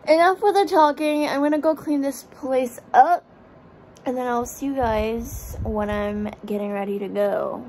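A woman's voice: high voice, a little slow, dark tone, poor audio. Young woman, tired after an all-nighter, rambling casual vlog chat, phone at arm's length, faint background noise. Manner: chatty, rambling, self-mocking. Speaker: vlogger. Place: small bedroom indoors. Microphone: phone camera at arm's length.

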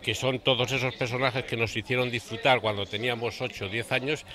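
Bright-voiced older bookseller man. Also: medium pitch, fairly even intonation, brisk. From Spain. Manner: explains at length, with fillers and restarts. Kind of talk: street interview. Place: outdoor book fair stall. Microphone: handheld reporter mic.

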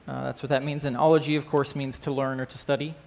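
On a church stage indoors, among the band gear, a man opens his class lesson with a prayer and then teaches in an easygoing, chatty way. His mid-range voice is creaky and a bit mellow, level in tone, and he talks quickly. He keeps asking the group questions, peppering his speech with "right?" and "uh."

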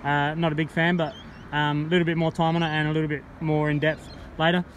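A man's voice: on the high side, fast talker. A man, casually talking through a mountain bike and then riding it on an outdoor trail, recorded on an action camera. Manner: relaxed and chatty, gets excited while riding. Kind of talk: casual ride-along bike review. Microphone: helmet or bike-mounted action camera. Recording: faint wind noise on the mic.

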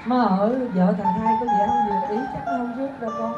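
Lady doing a soft tired old mom, muffled roomy sound with music. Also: fairly high pitch, quick pace, lightly acted. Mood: resigned. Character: meek, weary elderly mother.

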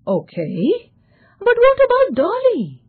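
A woman's voice: very high voice, huge pitch swings, slow, voice pushed up, full character voice. A woman voicing a grave inner voice of conscience that questions a young man sternly. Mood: accusing. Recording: tinny phone-like sound.

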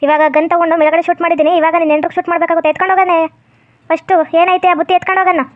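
A woman's voice: extremely high pitch, level tone, racing. A woman playing a hot-tempered woman police officer who scolds and gives orders. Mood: scolding. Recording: tinny phone-like sound.

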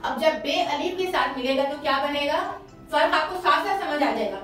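A high-pitched woman teacher leads a children's lesson. She patiently repeats each sound loudly for the class to copy. She sounds distant and very echoey, with faint music underneath. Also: moderate pace.

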